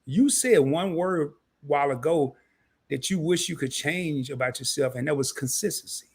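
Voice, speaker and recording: Here a man runs a casual live-stream interview at normal speed, his slightly high voice a bit rough and scratchy tonight. Animated and full of slang, he laughs at himself as he goes.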